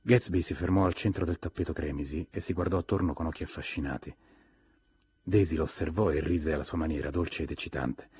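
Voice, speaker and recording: A man reading a novel aloud in measured, even narration for an audiobook. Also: a bass voice, husky, dry recording. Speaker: audiobook reader. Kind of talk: scripted narration.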